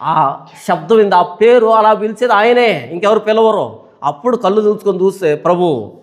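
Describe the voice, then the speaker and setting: A man with a high voice preaches a Bible study sermon. He tells vivid stories and fires rhetorical questions at his listeners, pushing and then easing his pitch. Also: fairly quick. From India. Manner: animated storytelling with rhetorical questions. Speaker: pastor.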